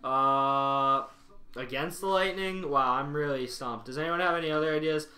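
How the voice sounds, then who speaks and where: A man's voice: a little high, normal speed, bright, forceful tone. A young man live-streaming, chatting casually and wryly to his chat, rambling as he thinks aloud. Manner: rambling, wry, talks to chat. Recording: echoey room.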